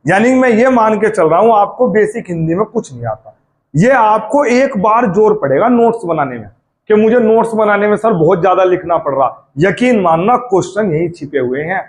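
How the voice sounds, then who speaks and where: A man's voice: sits high, lively intonation, normal speed. A man teaching grammar for exams, drilling vowel sounds and checking often whether his students have understood. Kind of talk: exam-prep Hindi grammar lesson.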